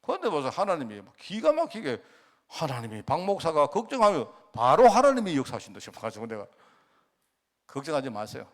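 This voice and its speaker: A male pastor in middle age, speaking with a Gyeongsang Korean accent, tells a story during a sermon. His voice sits fairly high and moves a lot, and he keeps throwing rhetorical questions at the congregation. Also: wildly swooping pitch, a little fast.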